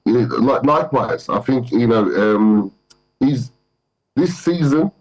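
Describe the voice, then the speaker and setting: Speaking slowly and with lively intonation, a medium-pitched football manager from Turkey talks in a London English accent as a remote interview guest. He thinks out loud, restarting often and leaning on fillers, and the recording quality is low.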